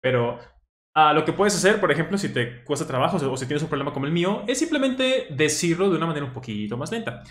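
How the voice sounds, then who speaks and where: A man who stutters now and then, explaining a study deck in a relaxed, thinking-aloud way. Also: fairly high pitch, fast. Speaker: language teacher reviewing a study deck. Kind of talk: casual explanatory commentary. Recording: roomy echo.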